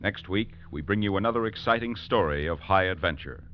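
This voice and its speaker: A man's voice: low-pitched, lively intonation, fairly quick, over music. A man announcing the credits of a radio show in a formal, declaiming broadcast manner. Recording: dull lo-fi 1940s radio broadcast.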